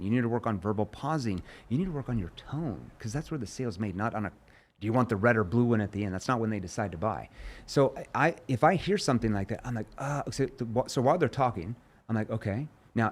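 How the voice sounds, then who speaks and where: A man in a quick, mid-pitched voice coaches on sales conversation. He speaks assertively but calmly, often slipping into the lines a salesperson or prospect might say. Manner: assertive, calm, acts out example phrases. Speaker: sales trainer.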